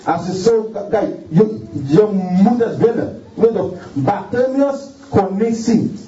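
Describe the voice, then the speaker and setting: Halting fervent preacher man, far off. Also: high voice, lively intonation, mellow. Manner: fervent, halting, punctuates with hallelujah, many repeated words. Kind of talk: sermon. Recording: distant, roomy, dull sound.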